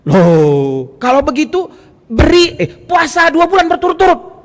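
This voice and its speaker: A preacher with a Medan accent voicing a gentle, calm prophet who reassures a frightened man, recorded in a mosque hall. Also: sits high, fairly quick, husky, pitched above the performer's own voice. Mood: kindly. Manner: soft, reassuring.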